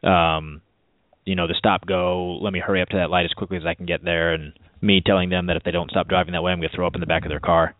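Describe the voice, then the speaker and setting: A man co-hosting a radio talk show, telling stories in a lively casual way. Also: sits low, quick pace, dry recording. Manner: animated storyteller, voice jumps up in quotes. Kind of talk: casual chat. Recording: dry, phone-like narrow sound.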